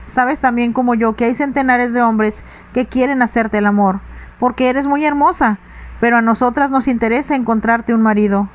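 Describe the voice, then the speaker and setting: A woman voicing an anxious, sensible young stepdaughter, pleading earnestly in a soft, whispered role-play audiobook reading. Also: a little high, fairly even intonation, moderate pace, lightly acted.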